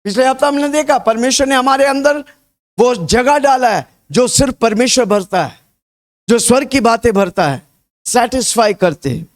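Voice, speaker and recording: A fervent male preacher with a notably high voice for a man, pacing his sermon through vivid repeated storytelling. He keeps urging the congregation to repeat his words back, building a rousing call-and-response. Energetic and insistent. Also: moderate pace. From India. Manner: storytelling with repetition.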